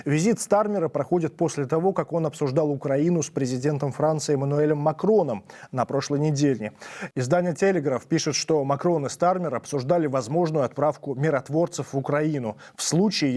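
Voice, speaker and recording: A man's voice: on the high side, a little fast, a little mellow. A man presenting the news, reading scripted reports as narration.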